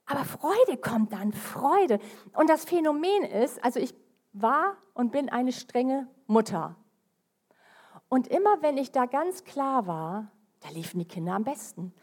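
A middle-aged woman preaching a sermon, lively and emphatic, her voice swelling and dropping as she stresses each point. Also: high voice, unhurried, husky. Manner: lively, emphatic preaching with sudden rises and drops in loudness.

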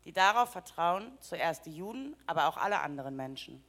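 A woman interprets a sermon as it is given, rendering each phrase right after the preacher in a slightly low voice. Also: lively intonation, brisk, fairly bright tone.

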